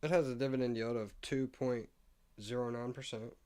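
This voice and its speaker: A man's voice: mid-range voice, fairly even intonation, normal speed, darkish tone, smooth. A man hosting a casual stock market live stream, thinking aloud as he reads prices and figures off the screen. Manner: reads text aloud with stumbles and asides. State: hiccuping.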